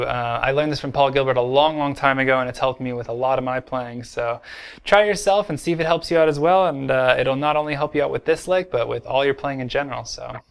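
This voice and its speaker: Laid-back guy teaching guitar, lots of uh's, normal pitch, bit of guitar in the background. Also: clear, resonant tone. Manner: relaxed, explains step by step with many fillers; counts beats aloud while playing. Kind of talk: casual instructional explanation. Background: electric guitar playing.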